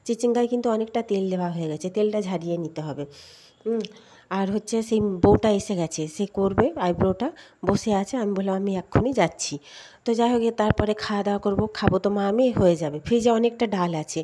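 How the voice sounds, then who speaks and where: A woman's voice: medium pitch, quick pace, dark tone, a little hiss or hum. A middle-aged woman, chatting casually to viewers as she cooks in her home kitchen. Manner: chatty, talks viewers through her chores. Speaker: vlogger. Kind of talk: casual cooking vlog chat.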